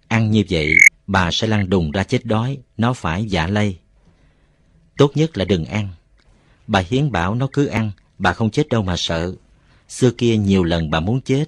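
Male narrator, low voice, dry close recording, calm steady storybook reading. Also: no room sound. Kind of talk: audiobook narration.

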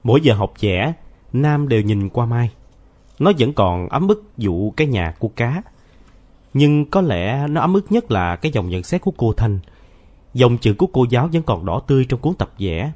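A man narrating a children's story in the first person. His voice sits at an ordinary pitch but rises and falls a great deal. The delivery is lively and expressive. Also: moderate pace.

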